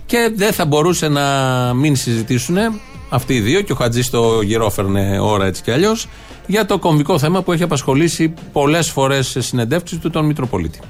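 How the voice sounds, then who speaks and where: A man's voice: on the high side, expressive, soft background music. A man hosting a satirical show, joking through clips with sarcastic asides. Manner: wry, sarcastic, quick asides with laughs. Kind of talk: comedic commentary banter.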